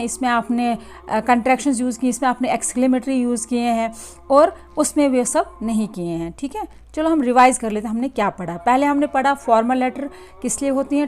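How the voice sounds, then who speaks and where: Hindi-speaking woman teacher, slightly high voice. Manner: mixes Hindi and English, slow deliberate English phrases, frequent "theek hai" checks. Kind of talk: classroom lesson explaining slides.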